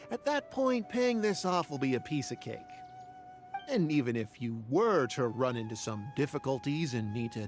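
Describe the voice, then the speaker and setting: An actor playing a smooth-talking adult male loan shark in a video game, with breezy, persuasive patter. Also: a little high. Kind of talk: game voice acting.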